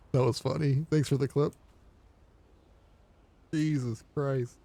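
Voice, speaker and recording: A man's voice: medium pitch, fairly even intonation, takes it slowly, dark tone. A man streaming as a detective in an online role-play, chatting casually, laughing easily and swearing in disbelief.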